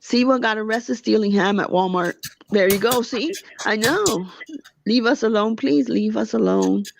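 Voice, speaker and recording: A woman's voice: on the high side, creaky, noisy background. A woman hosting a livestream, ranting indignantly and answering her chat. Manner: indignant, rapid, talks back to chat. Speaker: livestream host. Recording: dull lo-fi dry sound.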